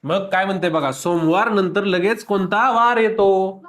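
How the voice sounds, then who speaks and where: A man's voice: high voice, a little slow, background noise. A man teaching a classroom of children, quizzing them with repeated questions and playful teasing.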